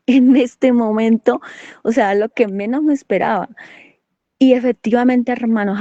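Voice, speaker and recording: A woman's voice: medium pitch, mellow, dry recording. A woman preacher, giving an earnest testimony sermon and calling her listeners brothers. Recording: dull lo-fi recording.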